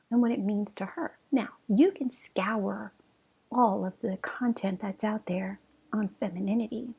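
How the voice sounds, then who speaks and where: Female relationship podcaster, very breathy and husky with a soft mellow tone, informal, playful, direct address. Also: medium pitch. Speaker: podcast host and relationship coach. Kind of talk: casual chatty solo podcast monologue.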